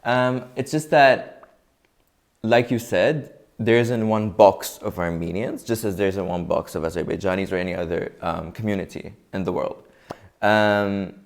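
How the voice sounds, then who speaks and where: Low gravelly young man from Lebanon. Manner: thoughtful, measured, restarts often. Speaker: guest. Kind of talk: interview answers.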